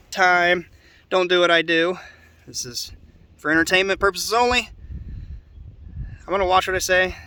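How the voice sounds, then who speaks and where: Standing outdoors on a house roof, a roofer presents his own video with a nasal voice from a congested nose. His voice is high-pitched, pushed and bright, and he explains the hands-on work informally and without a script, rambling in plainspoken terms.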